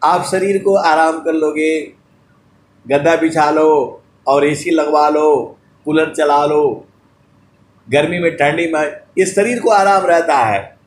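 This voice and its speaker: A man giving a devotional sermon, drawing out sung verses slowly and turning fondly to his listeners between them. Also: on the high side, roomy sound, slight background noise. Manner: slow drawn-out chanting of verses between spoken teaching. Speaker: spiritual preacher.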